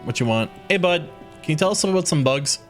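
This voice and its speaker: A man's voice: fairly high pitch, animated, a little fast, soft background music. A man giving casual, profane, joking commentary while streaming a game.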